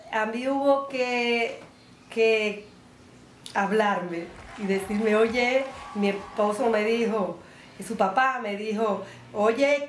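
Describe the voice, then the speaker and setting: Emotional woman, slow and halting. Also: fairly high pitch, roomy sound, a little hiss or hum. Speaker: family member of contestant. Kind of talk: sit-down interview.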